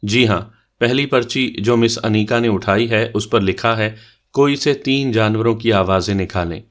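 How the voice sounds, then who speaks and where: A man's voice: fairly low pitch, lightly acted. A man voicing a mischievous young man who leads a party game and teases his sister, in a bantering tone. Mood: teasing. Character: teasing playful young man, game leader.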